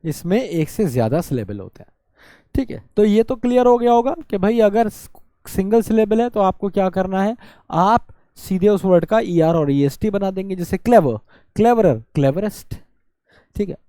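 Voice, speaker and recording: High-voiced Hindi-speaking male teacher. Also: animated, normal speed, dark tone, dry recording, studio quality. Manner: explains by asking and answering his own questions; drawls words out to show syllables. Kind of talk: exam-prep grammar lesson.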